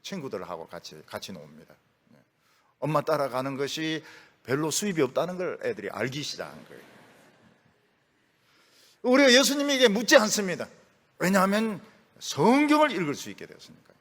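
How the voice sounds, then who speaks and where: A man preaching a sermon as a pastor, animated, folksy and humorous. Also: a little high, a little fast, pauses often, big-room sound.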